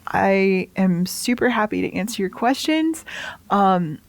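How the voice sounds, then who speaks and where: A woman college writing instructor explaining course policies to students in a relaxed, reassuring way with many fillers. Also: mid-range voice, measured pace, no room sound. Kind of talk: casual course orientation talk.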